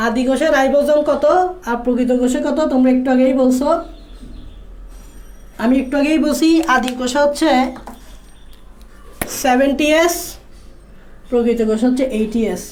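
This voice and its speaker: A woman's voice: high voice, fairly even intonation, normal speed, long pauses, darkish tone. A woman teacher giving a biology lesson to students, repeating key phrases and quizzing them. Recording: echoey room.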